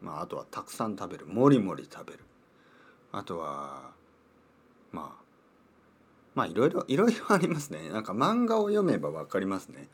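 A man's voice: deep voice, wildly swooping pitch, moderate pace, long pauses, breathy edge. Playful rambling male podcast host. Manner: playful and rambling, repeats words while thinking aloud. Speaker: podcast host teaching Japanese. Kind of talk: casual solo podcast talk.

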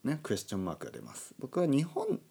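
A man from Oita, Japan, hosting a relaxed solo talk for learners, explaining slowly and glossing words in English. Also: medium pitch, creaky, breathy edge. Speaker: podcast host. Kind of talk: casual monologue for Japanese learners. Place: indoors at a table.

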